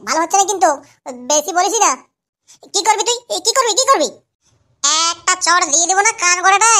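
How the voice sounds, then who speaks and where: A squeaky cartoon boy. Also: bright, forceful tone. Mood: bickering. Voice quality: squeaky, high cartoon child voice. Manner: quick, whiny bickering. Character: squabbling young boy, street vegetable seller. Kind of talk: cartoon voice acting.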